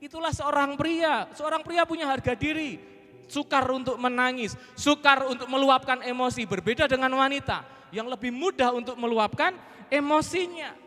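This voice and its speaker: A male pastor preaching a sermon. He swings between soft asides and loud emphasis, and he speaks directly to his congregation. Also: extremely high pitch, moderate pace. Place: large church hall. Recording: reverberant church hall with music behind.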